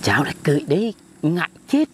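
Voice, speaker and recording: A woman playing a stubborn, grumpy old village man in a comedy sketch, with a gruff, sheepish way of grumbling. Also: low-pitched, sing-song, fast talker, slight background noise. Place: outdoors in a field.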